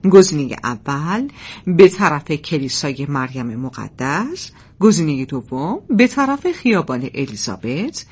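Breathy woman host with lively pitch. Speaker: audiobook host presenting a quiz. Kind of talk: scripted presenting.

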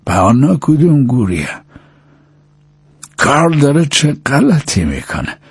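A man's voice: mid-range voice, sing-song, slightly rough, dry recording, exaggerated voice. A man voicing a male detective who speaks with urgent insistence in an audiobook. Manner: pleading, insistent. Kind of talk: audiobook character voice.

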